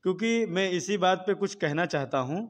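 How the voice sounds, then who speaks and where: A man being interviewed who speaks softly at first and then declaims political couplets with rising force. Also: high-pitched, expressive, moderate pace, in a large hall. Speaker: interviewee, local political campaigner. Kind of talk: recited political couplets and appeals.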